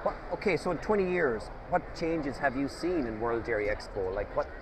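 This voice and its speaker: A man's voice: medium pitch, lively intonation. A man interviewing a colleague in casual, teasing banter, on a lapel mic in an open tent at an outdoor expo. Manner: chatty, teasing, quick banter. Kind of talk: casual trade-show interview. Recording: outdoor expo with background noise.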